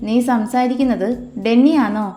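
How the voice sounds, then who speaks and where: A woman's voice: on the high side, fairly even intonation, moderate pace, lightly acted. A woman voicing a stern old grandmother. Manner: stern, scolding. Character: grieving protective grandmother, stern but tender. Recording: echoey room with soft music.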